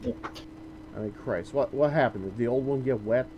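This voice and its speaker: A man's voice: mid-range voice, unhurried, a little mellow, dull audio. A man streaming a game, chatting casually in a wry, joking way with restarts and trailing sentences. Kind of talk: casual chat while gaming.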